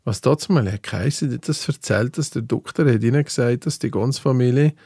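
A man's voice: medium pitch, brisk, creaky, mellow, husky, no echo, studio quality. A male co-host, chatting and jumping in with asides. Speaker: show co-host. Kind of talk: casual radio chat.

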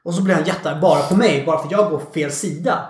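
A man chatting casually as a podcast guest, an animated storyteller who swears freely. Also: a little high. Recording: echoey room.

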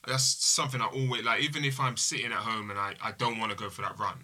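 A man's voice: on the low side, fairly even intonation, quick pace, pushed and bright. A man being interviewed as an endurance athlete, offering upbeat motivational advice. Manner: upbeat, motivational, repeats "just do it". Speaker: guest athlete. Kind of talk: casual interview chat.

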